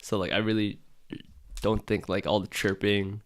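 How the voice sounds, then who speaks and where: A man's voice: fairly low pitch, flat delivery, normal speed. A young man co-hosting a casual sports chat, jumping in with short remarks and fillers. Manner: short interjections and hesitant fillers.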